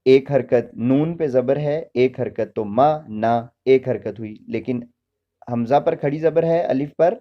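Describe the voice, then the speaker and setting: A man teaching Quran recitation, patiently spelling out each syllable and stretching the long vowels. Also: medium pitch. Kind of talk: spoken recitation lesson. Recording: dull lo-fi recording.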